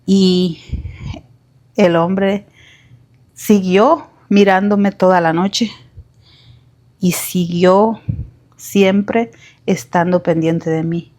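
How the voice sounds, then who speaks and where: Woman narrator for a personal testimony, slow and heartfelt, pauses and searches for words. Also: lowish voice, fairly even intonation, a little mellow. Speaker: storyteller. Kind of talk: first-person emotional story narration.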